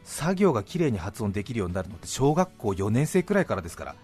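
A man's voice: fairly low pitch, sing-song, fast, darkish tone, husky, faint music behind. A middle-aged man hosting a radio show, chatting playfully and explaining things in a casual studio talk. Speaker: radio host.

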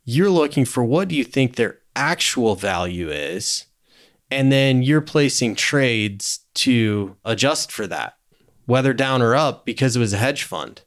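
A man's voice: mid-range voice, expressive, measured pace. A man hosting a podcast, asking guiding questions in a conversational way. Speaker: podcast host. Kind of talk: podcast interview.

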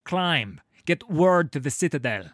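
A man voicing a stern, commanding female warrior in an audiobook, barking curt, forceful orders. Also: mid-range voice, sing-song, slow pace, no room sound, studio quality.

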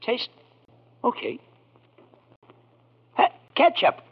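An actor playing a dim-witted, cheerful cab driver with folksy, ungrammatical, slow-witted talk in 1940s radio comedy. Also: male voice. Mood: naive, rueful. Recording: noisy, dull old radio recording.

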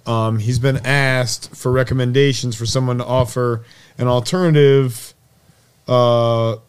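A man co-hosting a casual podcast, asking questions slowly with hesitant fillers. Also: mid-range voice, fairly even intonation, clean tone. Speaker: podcast co-host. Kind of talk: casual chat.

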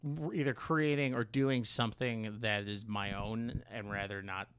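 Fairly low in pitch, this man's voice is steady, a bit bright, clear and resonant, with no echo at all. He co-hosts a podcast, talking casually in a rambling, halting manner, interrupting himself and swearing offhandedly.

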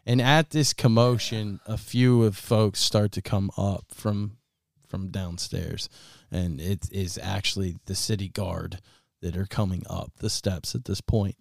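Man, game master, tabletop game, easygoing, lowish voice, dry close mic. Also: steady tone, measured pace, creaky, no room sound. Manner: easygoing, laughing, calls turns and rules.

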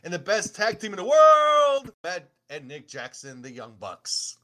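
Bombastic male ring announcer, put on by a podcaster, grand entrance announcement, bright forceful delivery, slightly high pitch. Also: huge pitch swings, a little slow, full character voice. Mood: grandiose. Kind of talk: wrestling podcast main-event introduction.

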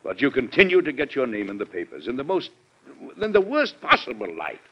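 In a dull, lo-fi vintage radio recording, a male actor in an old-time radio drama plays a stern, weary President who is also an exasperated father, speaking formally and reproachfully. His husky mid-range voice swoops wildly in pitch, and he talks slightly fast.

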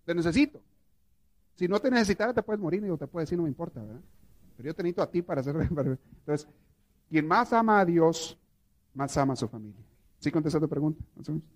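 A man's voice: a little high, fast. A man, a priest, teaching a prayer course to a live group, telling stories and asking his listeners questions. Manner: animated storytelling, asks the audience questions.

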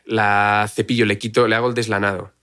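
A man, a podcast guest chatting casually, quick and rambling, often correcting himself mid-sentence. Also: on the low side, flat delivery, a bit bright, clean tone. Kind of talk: casual chat.

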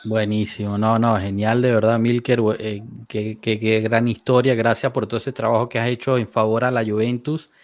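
A man's voice: lowish voice, flat delivery, normal speed, hardly any pauses, dry recording. Laughing man hosting a podcast chat. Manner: friendly, laughs often, hands over to guests. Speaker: podcast host.

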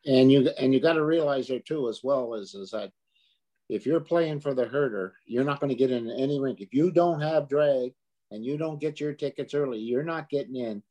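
A man's voice: mid-range voice, normal speed, warm tone, poor audio. A man chatting casually as an interview guest, reminiscing in a folksy, emphatic way with running lists. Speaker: interview guest, hockey veteran.

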